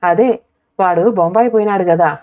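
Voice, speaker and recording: A woman voicing a withdrawn old village woman who speaks slowly and flatly, one word at a time, in a tinny phone-like recording. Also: mid-range voice, lightly acted. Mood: listless. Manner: slow, flat, words dropped one at a time.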